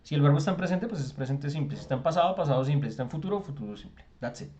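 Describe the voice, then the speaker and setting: A man's voice: fairly high pitch, expressive, very fast, dark tone, highs cut off. A man, teaching an online class and explaining with lots of rhetorical questions. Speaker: English tutor. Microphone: video call.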